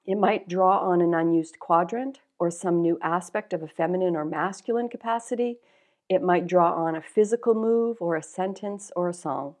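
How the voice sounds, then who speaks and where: A woman coach giving a reflective spoken lesson, wry and self-mocking, in a measured way. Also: on the low side, darkish tone.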